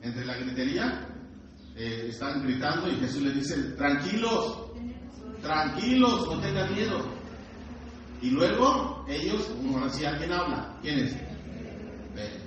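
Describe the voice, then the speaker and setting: A man's voice: medium pitch, normal speed, noisy background. A man preaching a sermon, firing rhetorical questions at the congregation and acting out screams. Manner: animated, acts out screams. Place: church hall. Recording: very echoey, distant, dull hall recording.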